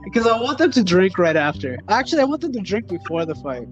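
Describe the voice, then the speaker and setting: Co-hosting a sports podcast, a man talks fast in a high, very animated voice, with blunt, slangy, casual commentary and plenty of swearing. The audio is muffled and lo-fi, with faint music behind him.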